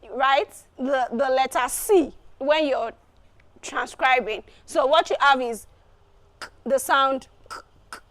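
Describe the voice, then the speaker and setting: A woman teacher walks through an exam preparation lesson. Her voice sits high, and she talks slowly, circling back to repeat phrases as she explains. She leans on small fillers between points. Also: a bit bright.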